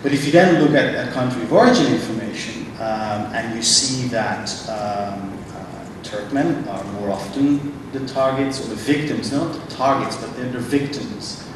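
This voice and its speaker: A man speaking on a conference panel, halting and restarting often as he thinks aloud. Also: mid-range voice. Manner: halting, many restarts and fillers. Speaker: panel speaker from a refugee agency. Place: large conference hall. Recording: echoey hall, distant mic, noisy.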